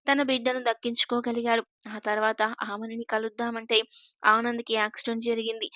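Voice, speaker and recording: Woman reading as a gentle elderly grandmother. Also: on the high side, no room sound, studio quality, lightly acted.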